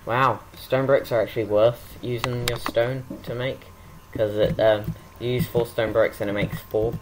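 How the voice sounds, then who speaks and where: A man chatting casually while playing a game, relaxed and matter-of-fact, thinking aloud with the odd um. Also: medium pitch, measured pace. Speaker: Minecraft player. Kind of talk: casual gameplay chat. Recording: noisy home recording.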